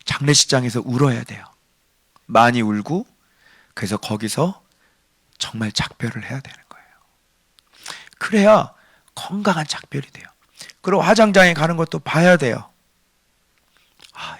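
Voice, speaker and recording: A male pastor preaching a sermon. He swings from hushed near-whispers to loud, emphatic lines and keeps asking the congregation rhetorical questions. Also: mid-range voice, moderate pace, long pauses, dry recording, studio quality.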